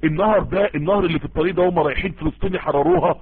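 Fast, husky Egyptian preacher on a tinny line. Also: male voice, fairly high pitch. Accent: Egyptian Arabic. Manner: pleading, repetitive, emotional. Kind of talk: impassioned online sermon. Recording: tinny phone-like voice-chat audio.

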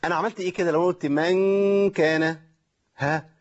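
A man's voice: high-pitched, fairly even intonation, fast talker, lo-fi sound. A man with an Egyptian accent hosting a call-in lesson on Quran recitation, explaining step by step and checking in with listeners. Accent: Egyptian Arabic. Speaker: Quran recitation teacher and host.

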